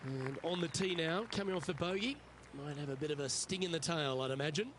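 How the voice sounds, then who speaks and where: Man voicing an understated golf commentator, slightly high. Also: a little fast, crowd noise, close to an everyday voice. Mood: measured, understated. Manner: understated, short remarks on each shot. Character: measured male television golf commentator. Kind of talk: golf broadcast commentary in a video game. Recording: clear outdoor ambient noise.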